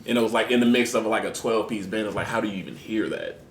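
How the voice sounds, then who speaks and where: A young man, a guest musician, answering interview questions in a relaxed, casual way and filling his talk with "like" and "um". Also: fast talker. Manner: relaxed, lots of "like" and "um" fillers. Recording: roomy echo with faint rumble.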